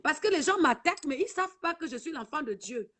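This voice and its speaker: A woman's voice: high voice, animated, fast, fairly bright tone. Preachy woman ranting on a livestream. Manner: preachy, repetitive, keeps saying "ma fille". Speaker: livestream host. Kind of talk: emotional live-stream rant. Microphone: own camera.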